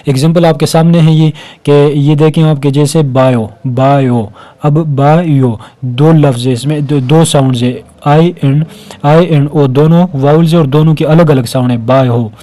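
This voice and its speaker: A man's voice: fairly high pitch, fairly even intonation, moderate pace, dark tone. A male teacher giving a recorded grammar lecture, explaining step by step and repeating words while counting their syllables, with frequent "uh" fillers and English terms mixed in. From Pakistan.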